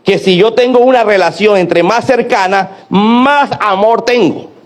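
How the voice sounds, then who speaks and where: Male pastor, middle-aged, fairly high voice, preaches with call-and-response questions to the congregation. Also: a little slow. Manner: preaching, calling on the congregation to repeat and answer. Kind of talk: sermon.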